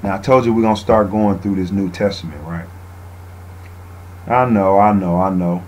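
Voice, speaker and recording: A man's voice: sits low, fairly even intonation, normal speed, a little mellow, highs cut off, slight background noise. A man hosting an online radio show, reading passages aloud and then commenting loosely, often ending lines with "man.". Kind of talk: casual talk-radio commentary.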